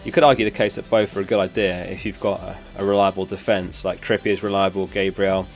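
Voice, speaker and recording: A young man speaks fast in a low-pitched voice with little pitch movement, faint music behind him. As a streamer hosting a live stream, he chats casually and answers chat questions while recovering from a lost voice.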